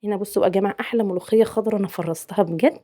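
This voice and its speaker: A woman's voice: mid-range voice, rapid-fire, warm tone. A young Egyptian woman with an Egyptian accent narrating her cooking vlog, playful and teasing, repeating words for emphasis. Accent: Egyptian Arabic. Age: young adult. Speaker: cooking vlogger. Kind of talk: chatty home cooking vlog voice-over.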